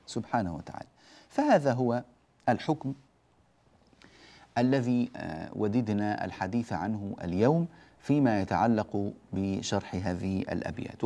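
A man teaching Quran recitation rules, slowly repeating each example phrase and writing on a board. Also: on the low side, mellow. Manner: slow, repeats example phrases several times; writes on a board while teaching. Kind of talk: lecture on tajweed rules.

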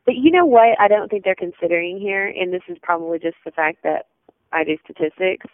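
A woman co-hosting a podcast while sick and losing her voice, talking in a quick, wry way. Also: on the low side, no echo. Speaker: podcast co-host. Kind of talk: casual chat. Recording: tinny phone-like sound.

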